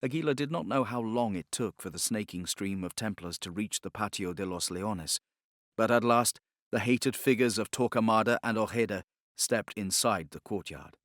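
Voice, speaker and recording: Reading dramatic fiction for an audiobook, this man speaks in a fairly low voice with a bit of brightness. He sounds measured, solemn, and carefully scripted, recorded close and dry without any room sound.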